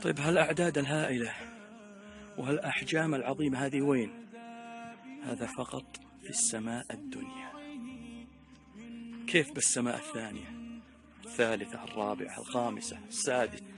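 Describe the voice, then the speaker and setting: A man with a Saudi Gulf Arabic accent giving a religious reflection talk, emphatic, with loud exclamations and hushed asides. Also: medium pitch, steady tone, fairly quick, gravelly, pauses often, over music. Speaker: preacher.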